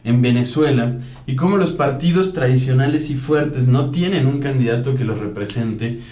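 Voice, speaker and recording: A man's voice: medium pitch, moderate pace, warm tone. A man on a political panel, arguing his point and listing dates and facts. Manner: argumentative, lists dates and facts. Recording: roomy echo with faint noise.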